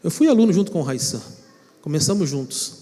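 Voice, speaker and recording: A man from São Paulo state, Brazil, preaching as a pastor and telling a personal story with animated acted-out quotes. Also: a little high, fast talker. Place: church sanctuary. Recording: long reverb of a church hall.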